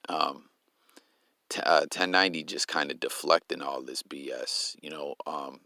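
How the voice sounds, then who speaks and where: A man's voice: a bass voice, measured pace, vocal fry, pushed and bright, no room sound, studio quality. A man hosting a casual commentary vlog, laid-back and slang-heavy, often stumbling over his words. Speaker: commentary channel host.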